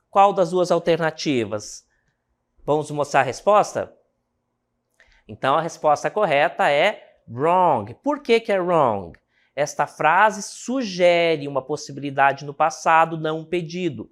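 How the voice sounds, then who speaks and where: A man from Brazil teaching an English lesson, explaining step by step and checking in with the class. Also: fairly high pitch.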